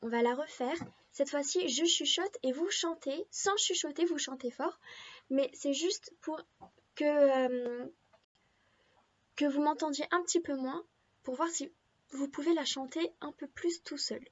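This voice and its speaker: A woman preschool teacher with a high voice teaches a nursery rhyme, singing it slowly and clearly. She cheers young children on to sing along with her. The recording sounds dull and lo-fi. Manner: sings slowly and clearly, encouraging children to join in.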